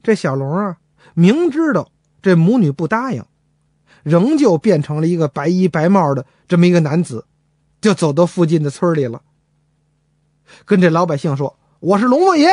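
Lively male storyteller. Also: a little high, normal speed, pauses often, dry recording, studio quality. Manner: chatty, addresses listener directly. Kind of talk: traditional oral storytelling.

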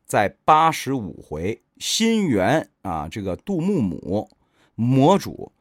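A man hosting a casual chat, animated and joking, acting out quoted lines. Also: mid-range voice, slow pace, dry recording, studio quality. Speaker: host.

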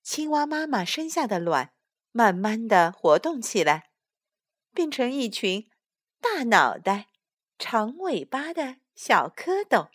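A woman reading a children's story aloud to her child, expressive and unhurried. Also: a little high, no echo, studio quality. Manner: expressive, slow storybook telling. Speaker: storyteller mother.

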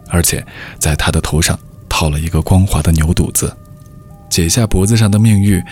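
A man telling a folk tale in scripted narration, with an even, measured delivery. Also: deep voice. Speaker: storyteller. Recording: faint background music.

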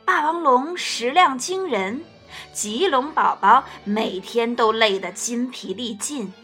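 Slow, gentle woman storyteller. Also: on the high side, soft background music. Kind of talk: picture-book read-aloud.

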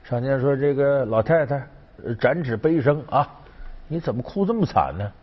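A man's voice: mid-range voice, expressive, moderate pace, breathy edge. A man telling an old legend in a casual, chatty storytelling style, acting out the quoted lines. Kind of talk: casual folk-tale storytelling. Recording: dull lo-fi recording with long reverb.

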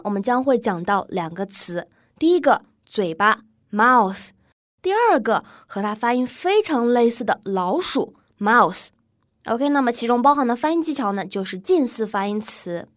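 A woman's voice: fairly high pitch, dry recording, clean studio sound. A woman teaching English pronunciation in an audio lesson, speaking to her students in a friendly, direct way.

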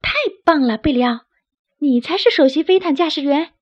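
A woman's voice: high voice, normal speed, no room sound, pitched above the performer's own voice, natural voice. A woman doing a cheerful young chick. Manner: encouraging, lively. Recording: dry, slightly dull recording.

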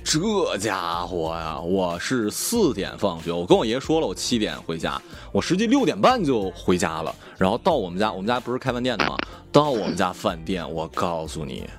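A man's voice: low voice, big pitch swings, normal speed, few pauses, soft background music. A man telling a childhood story in casual chat and acting out family members' lines. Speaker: live-stream co-host.

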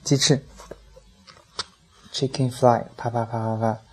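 A man putting on the voice of an overexcited young man who speaks broken English, eager and shouting in bursts. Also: medium pitch, little pitch movement, slow pace, breathy edge, low-quality recording.

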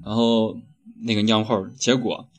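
A man's voice: fairly low pitch, steady tone, normal speed. A young man hosting a casual comedic chat, ranting with heavy profanity and frequent laughs. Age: young adult. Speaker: host.

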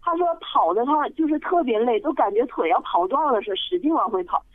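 A woman's voice: on the high side, animated, fairly quick, no echo. A woman from Sichuan calling into a radio show, telling a ghost story with many hesitant fillers over the phone. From Sichuan, China. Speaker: radio call-in listener. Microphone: telephone. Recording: tinny dry phone line.

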